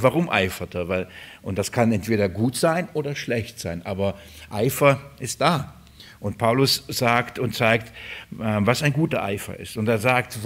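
Low-voiced man preaching haltingly. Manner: halting, repeats words, many fillers; addresses congregation directly. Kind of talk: sermon.

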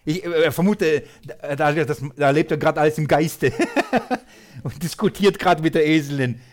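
A man teaching an informal Bible study, lively and chatty, laughing often and talking straight to his listeners. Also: a little high, moderate pace. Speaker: preacher.

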